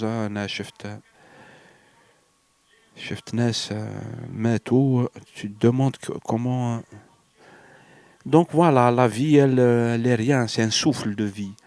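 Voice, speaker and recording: Suffering from a cold and fever, a male vlogger from Algeria talks through a rambling, hesitant personal monologue that slides between French and Arabic. He has an Algerian French accent and a medium-pitched, darkish voice, recorded with no room sound.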